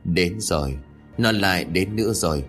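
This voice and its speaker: Brief: narrator doing a tired old villager, low and sighing. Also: male voice, animated, moderate pace, a bit bright, faint music behind. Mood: weary.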